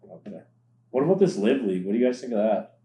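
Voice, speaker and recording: Lively, profane Canadian guy laughing. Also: fairly low pitch, quick pace, slight background noise. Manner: laughs often, blunt and profane. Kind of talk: casual chat. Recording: echoey room.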